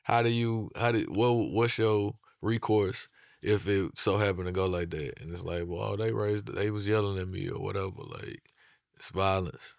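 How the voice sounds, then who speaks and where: Man, lowish smooth voice, measured and questioning, podcast chat. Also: fairly even intonation, no echo, studio quality. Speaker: podcast co-host.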